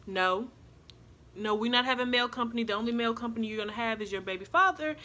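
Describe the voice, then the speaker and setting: A woman's voice: fairly high pitch, fast, bright, forceful tone. Woman voicing a firm, strict mother. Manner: firm, blunt. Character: strict no-nonsense mother laying down rules.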